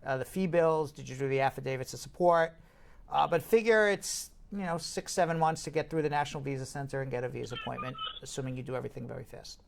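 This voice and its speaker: A man's voice: medium pitch, steady tone, quick pace, gravelly, a little hiss or hum. A man hosting a live call-in advice show, talking bluntly and emphatically and repeating his points.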